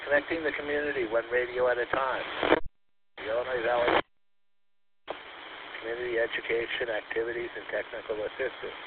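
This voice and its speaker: A man's voice: mid-range voice, fairly quick, long pauses, narrow, tinny audio. A man making a club announcement over a scratchy two-way radio transmission full of static. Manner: reads out club details in a steady, informational way. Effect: scratchy radio transmission with heavy static. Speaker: radio club member giving an announcement on the net.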